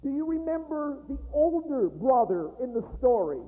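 A man preaching a sermon in a large chapel, emphatic and full of dramatic pauses. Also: very high voice, sing-song. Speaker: guest preacher. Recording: echoey hall, tinny narrow sound.

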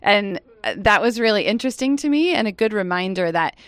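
A chatty, lively woman hosts a campus radio hour from the studio. Her voice comes through smooth and crisp. The room sounds dry, with no echo. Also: mid-range voice, brisk. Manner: lively and chatty, laughs often. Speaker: radio show host. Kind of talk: casual campus radio chat.

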